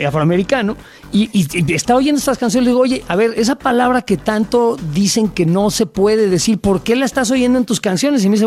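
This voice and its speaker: A middle-aged man with a Mexican accent, co-hosting a casual debate chat, emphatic and full of fillers as he tells stories. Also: very high-pitched. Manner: emphatic, storytelling with many fillers. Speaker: podcast co-host.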